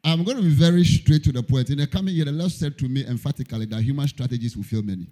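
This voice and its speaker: A man's voice: mid-range voice, very fast, warm tone. A man preaching a sermon in church, emphatic, repeating key lines and singing out phrases. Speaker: pastor.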